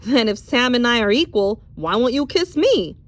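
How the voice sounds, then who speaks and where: A woman's voice: a little high, animated, moderate pace, lightly acted. A woman voicing a distraught, defiant young schoolteacher, urgent and pleading, in a storybook reading. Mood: defiant, alarmed.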